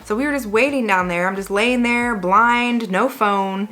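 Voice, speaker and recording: A woman's voice: medium pitch, normal speed, fairly bright tone. A woman telling a personal story to viewers in a casual, rambling way, often saying "like" and correcting herself. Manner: rambling, conversational, frequent "like" and self-corrections. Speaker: vlogger.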